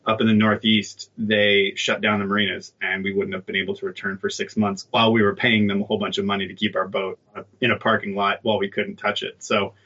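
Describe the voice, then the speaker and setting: Speaking a bit fast over a dull remote connection, this thirtysomething man shares anecdotes as an interview guest, easygoing and poking fun at himself. His pitch sits on the low side, level in tone, with a pushed, bright quality.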